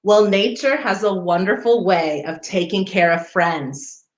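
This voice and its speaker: At a measured pace, a woman with a mid-range voice reads a picture book aloud to children, expressive and given to chatty asides. She works as a storybook reader for a parks program, and the sound is roomy and echoing.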